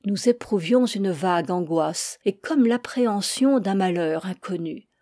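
Audiobook narrator, woman, mellow and measured, classic prose. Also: mid-range voice, lively intonation, no room sound, studio quality. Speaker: audiobook reader.

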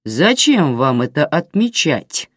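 An audiobook reader voicing a grumpy, bitter elderly stepfather who grumbles gruffly, with lively pitch. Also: moderate pace, no echo, studio quality, natural voice. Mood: grumbling. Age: older.

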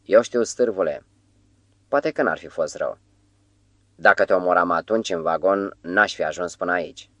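A man reading the part of a proud, stubborn diplomat in a harsh, gruff voice. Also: deep voice, pushed and bright, no room sound.

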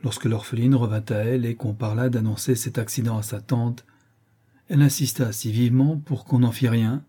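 A man reading a novel aloud as an audiobook narrator, in a measured, even manner with a husky voice. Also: medium pitch. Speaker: audiobook reader.

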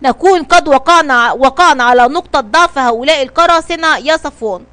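A calm, resolute male sea captain gives orders firmly in a children's storybook, voiced by a woman. He speaks in measured tones on a high pitch. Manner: firm and measured. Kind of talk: storybook reading.

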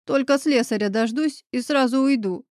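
A woman's voice: sits high, normal speed, no echo, clean studio sound, close to an everyday voice. A woman doing a shy apologetic young man. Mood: embarrassed. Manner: embarrassed, soft-spoken. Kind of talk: audiobook character voice.

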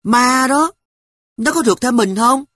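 A storyteller voicing a timid young girl who whines and pleads in a high, wavering voice. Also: sing-song, brisk, a bit bright, breathy edge, dry recording. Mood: scared. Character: frightened little girl, the narrator's younger sister. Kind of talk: audiobook character voice.

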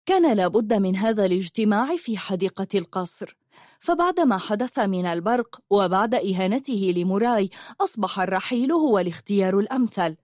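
A woman's voice: mid-range voice, expressive, a little fast, darkish tone, no room sound, studio quality. A woman narrating a novel aloud, telling the story expressively and giving each character a voice.

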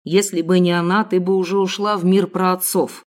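A woman voicing a rough, menacing male kidnapper who growls his threats. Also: lowish voice, little pitch movement, normal speed, close to an everyday voice.

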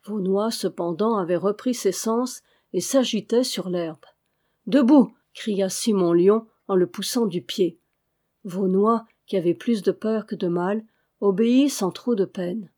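A woman narrating a classic adventure novel aloud in a measured, expressive way. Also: medium pitch. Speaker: audiobook reader.

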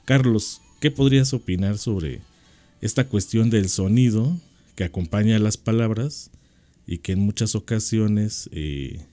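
Mellow-voiced Mexican man musing on radio. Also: lowish voice, faint music behind. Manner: reflective, with frequent "eh" pauses and restarts. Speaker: radio show co-host. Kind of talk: radio panel discussion. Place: radio studio.

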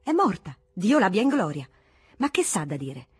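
A woman voicing a sweaty, irascible male monk who scolds loudly and indignantly. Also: mid-range voice, very animated, normal speed, breathy edge, dry recording. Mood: piqued. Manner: loud, scolding, indignant outbursts.

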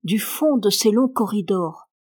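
A woman's voice: mid-range voice, lively intonation, unhurried, darkish tone, husky. A woman reading the lines of a willful little girl in a storybook, pressing her point insistently. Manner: insistent, urgent questions. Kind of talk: audiobook character reading.

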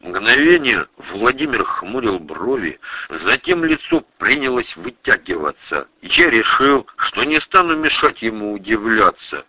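A man reading a first-person audiobook story in a lively way. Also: on the low side, a little slow, dry recording, low-quality recording. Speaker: audiobook reader.

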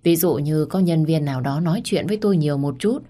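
A woman narrating a first-person audio story in a calm, intimate manner. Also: low voice, fast talker.

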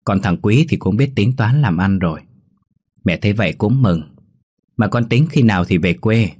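Gentle mother, as a man reads her. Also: lowish voice, lively intonation, normal speed, breathy edge, no echo, clean studio sound. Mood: motherly. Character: middle-aged mother, gentle and warm-hearted.

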